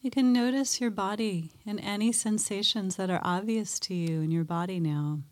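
A woman guiding a mindfulness meditation in a soft, gentle way, pausing often between phrases. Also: medium pitch. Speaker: meditation teacher.

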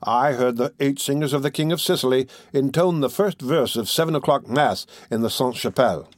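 A man voicing a mischievous young male student who taunts the crowd in a lively, mocking way. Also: mid-range voice, brisk, dry recording, natural voice. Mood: cheeky.

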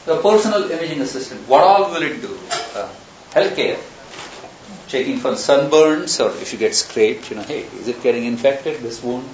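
This university lecture features a man with an animated, mid-range voice speaking at normal speed. He explores ideas in a discursive, thinking-aloud way packed with examples, captured in a roomy, dull lecture-room recording with hiss.

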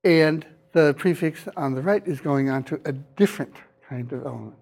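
A man's voice: a little high, normal speed, gravelly, a little mellow. A man giving a university lecture, questioning his students and dropping dry wordplay jokes. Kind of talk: classroom lecture.

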